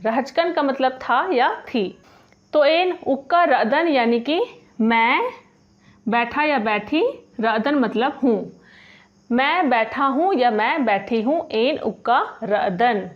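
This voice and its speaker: A woman teaching a spoken grammar lesson, patiently repeating each example and slowing down on the example phrases. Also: a little high, highs cut off. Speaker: language teacher.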